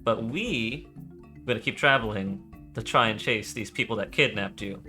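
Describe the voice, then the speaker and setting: A man playing a tabletop game, rambling and breaking off into excitable bursts. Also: lowish voice, moderate pace, faint music behind. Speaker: player. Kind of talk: casual chat while playing a tabletop game.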